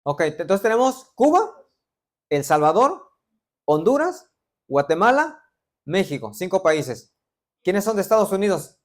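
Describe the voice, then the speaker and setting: A middle-aged man preaching with a Veracruz Mexican Spanish accent, his voice sitting somewhat higher than most men's. He keeps the congregation involved, firing questions at them and dropping playful jokes between points. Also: big pitch swings, measured pace, long pauses. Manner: interactive, quizzing the congregation with joking asides. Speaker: pastor. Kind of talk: sermon.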